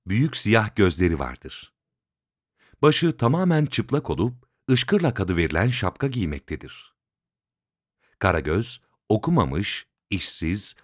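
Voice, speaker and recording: A man reads a textbook lesson aloud at an unhurried pace, his pitch rising and falling a lot as he works through one item after another. His voice sits on the low side, and the recording is dry and close, with no room sound. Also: dry recording. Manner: measured, list-like reading with pauses. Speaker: teacher reading a textbook.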